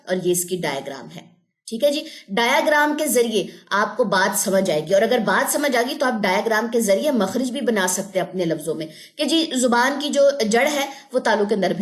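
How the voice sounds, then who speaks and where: Patient woman teaching tajweed online. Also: fairly high pitch. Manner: explains step by step, checks understanding with "theek hai ji"; drills syllables slowly and drawn out. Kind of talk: online lesson.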